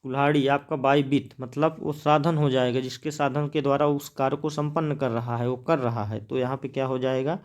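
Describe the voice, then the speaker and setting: A man's voice: medium pitch, little pitch movement, moderate pace, few pauses. A man teaching a grammar lesson, writing examples on a board, repeating words as he writes and answering his own questions.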